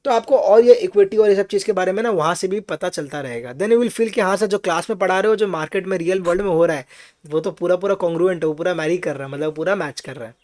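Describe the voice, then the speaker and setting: Male finance tutor, high voice, patient lecturer, poses questions and checks in with students. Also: fast, darkish tone. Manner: mixes English phrases into his talk. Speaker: finance teacher. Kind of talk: online class lecture.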